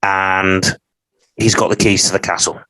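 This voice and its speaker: A man with a lowish voice talks through his views in a relaxed, rambling way on a podcast. The sound is close and dry, with no room around it. He drifts from point to point like a co-host chatting with friends. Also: unhurried, no echo, rough recording. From England. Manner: opinionated, rambling analysis. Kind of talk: casual podcast discussion.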